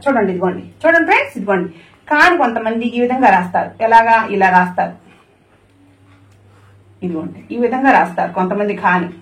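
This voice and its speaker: Speaking Telugu, this woman with a high voice teaches her viewers the Hindi letters in an echoey room. She keeps addressing them as friends and pointing them to her writing.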